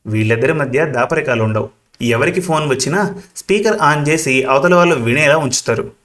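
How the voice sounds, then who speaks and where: A man's voice: mid-range voice, a little fast, fairly bright tone. Man narrating a story steadily.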